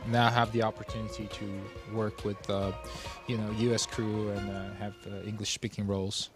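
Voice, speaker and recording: A man, an actor, talking hesitantly with many pauses in a casual interview. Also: lowish voice, flat delivery, over loud music.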